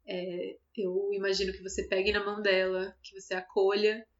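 Woman, brazilian portuguese accent, gentle self-help monologue, slightly muffled recording. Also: medium pitch, little pitch movement, moderate pace. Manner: gentle, conversational, with light laughs. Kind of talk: motivational self-talk monologue. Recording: slightly dull lo-fi sound.

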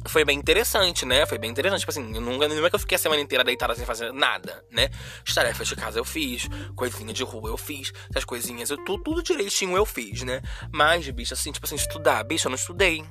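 Brazilian male podcast host, slightly high and bright, theatrical and slangy delivery. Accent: Brazilian Portuguese. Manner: theatrical, slangy, drawn-out sighs and whispered asides. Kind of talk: casual solo podcast chat.

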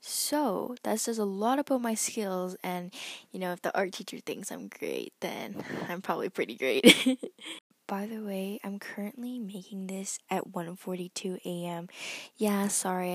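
Her mid-range voice is a bit rough and carries no echo as she hosts a casual podcast from her bedroom at night. The teenage girl rambles on about herself, chatty, giggling and making self-mocking jokes.

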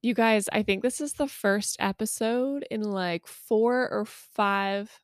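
A woman's voice: medium pitch, slow, clear, resonant tone, dry recording. Chatty woman podcast host, dry close mic. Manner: chatty, upbeat, many fillers. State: just over a cold. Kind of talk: casual podcast intro.

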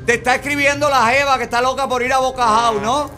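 A man's voice: very high voice, fairly even intonation, fast, pushed and bright, soft background music. A man hosting a live call-in game show, teasing and joking with callers. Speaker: host.

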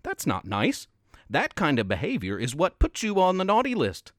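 A man's voice: on the high side, wildly swooping pitch, moderate pace, no room sound, studio quality, pitched above the performer's own voice. A man voicing a prim male Christmas elf who scolds in a proper tone. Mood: scolding.

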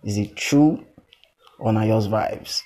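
A Nigerian-accented man hosting a podcast, chatting informally and playfully with animated teasing and Pidgin slang. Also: on the low side, slow pace. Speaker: podcast host.

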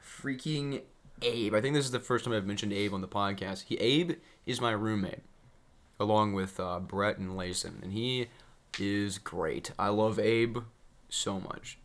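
A man's voice: fairly low pitch, unhurried, fairly bright tone. A young man co-hosting a podcast, telling a story in casual chat, acting out quotes and laughing often. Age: young adult. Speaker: podcast co-host.

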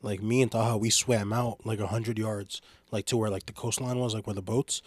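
A man's voice: lowish voice, steady tone, brisk, no room sound. A young man bantering casually with a friend in frat-bro slang, saying bro constantly.

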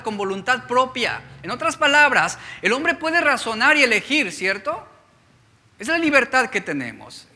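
Bright, lively-voiced preaching man. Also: very high-pitched. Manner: preaching with rhetorical questions to the congregation. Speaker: pastor. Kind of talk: sermon.

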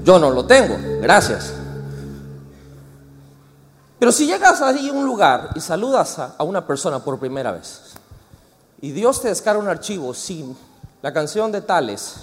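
Animated Mexican preacher in a reverberant hall. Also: male voice, high voice, moderate pace, pauses often, a little hiss or hum. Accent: Mexican Spanish. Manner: animated, joking and chatty with the audience. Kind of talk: lively sermon to a congregation.

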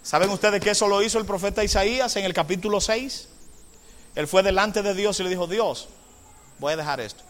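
Man preaching, high bright voice, hushed asides then loud drawn-out proclamations, questions to the congregation, long church reverb. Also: steady tone. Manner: asks the congregation rhetorical questions. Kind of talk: sermon.

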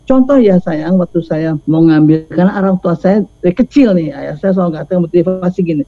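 Older woman, chatty interview guest; slangy, animated anecdotes, slightly muffled dry audio. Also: on the low side, a little fast, no echo. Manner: lively storyteller, slangy, acts out quoted voices. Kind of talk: casual interview talk.

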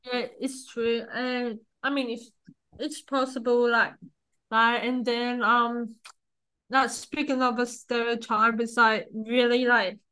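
A woman's voice: a little high, flat delivery, slow, bright, forceful tone, smooth, low-quality recording. A young woman hosting a podcast in casual conversation, rambling with lots of "like" and restarts. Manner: rambling, heavy use of "like" and restarts. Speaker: podcast host.

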